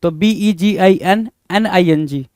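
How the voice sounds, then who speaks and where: A man's voice: sits high, a little mellow, no room sound. A young man, teaching a spelling lesson and spelling words out letter by letter. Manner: repetitive, drawn-out and emphatic, often calls listeners bhai.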